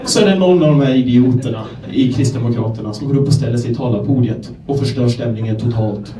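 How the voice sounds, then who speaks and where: On a comedy club stage, a young Swedish man from Gävle delivers stand-up in a mid-range voice. Deadpan, he pokes fun at himself in his stories while impersonating the characters. The echoey room picks up his voice from a distance.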